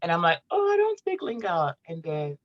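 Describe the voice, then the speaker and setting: A low-pitched woman in her thirties, born and raised in Morocco, talks casually as a guest on an interview. She laughs easily and often circles back to restart a thought. The sound is dry and a little dull. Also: huge pitch swings, fairly quick, no echo. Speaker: guest, content marketing strategist.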